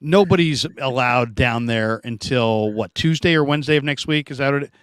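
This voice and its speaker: A man hosting a casual sports talk show, animated and jumping up in pitch for emphasis. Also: normal speed, smooth, no echo, clean studio sound.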